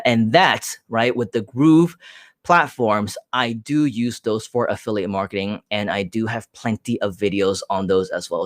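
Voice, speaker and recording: A man's voice: medium pitch, dry recording, clean studio sound. A man from Hong Kong hosting a live stream, answering viewer comments in an upbeat, direct way with frequent filler sounds.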